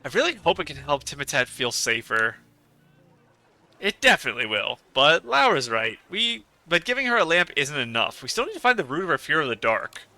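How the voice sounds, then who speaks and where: A man's voice: fairly high pitch, big pitch swings, brisk, pushed and bright, heavily acted. A man reading the lines of a kind, determined young woman heroine in an earnest, caring way.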